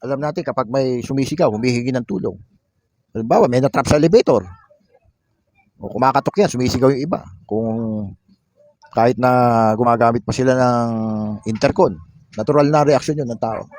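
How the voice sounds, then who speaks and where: A man's voice: medium pitch, a little fast, a little mellow, no echo. A man giving a classroom lecture, reading definitions aloud and explaining them with a frequent questioning "no?". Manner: explanatory, frequent tag "no?", reads English definitions then explains. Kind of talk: classroom lecture mixing Tagalog and English.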